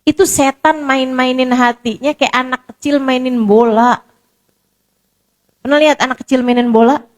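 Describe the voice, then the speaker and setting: A woman's voice: high-pitched, steady tone, moderate pace. A woman preacher giving a casual, conversational sermon, full of repetition and rhetorical questions. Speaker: Islamic preacher.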